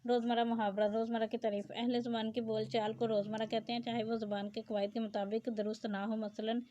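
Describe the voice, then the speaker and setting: A woman's voice: on the high side, little pitch movement, quick pace, dark tone. A woman teacher reads out a grammar lesson and explains it in plain asides. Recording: dull lo-fi sound.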